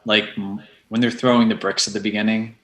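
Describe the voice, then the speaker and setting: Low-voiced man on a roomy remote call. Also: little pitch movement, a little fast, a bit bright. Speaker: podcast co-host. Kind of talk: casual film commentary chat. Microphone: internet call.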